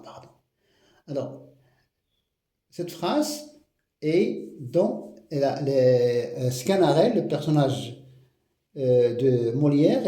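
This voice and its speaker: Male teacher, higher voice, unhurried and patient, explains grammar with repetitions; roomy echo. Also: mellow. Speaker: French teacher. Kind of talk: grammar lesson. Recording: echoey room.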